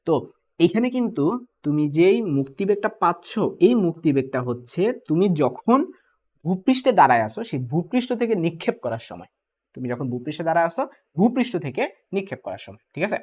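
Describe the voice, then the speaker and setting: Casting note: young male physics tutor, quick-talking, a bit high-pitched, constantly checking in with students. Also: big pitch swings. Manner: brisk, keeps asking "ঠিক আছে?", mixes English terms. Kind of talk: exam-prep lecture.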